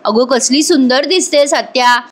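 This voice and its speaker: Woman reading a gushing young niece. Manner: excited, high and slowed.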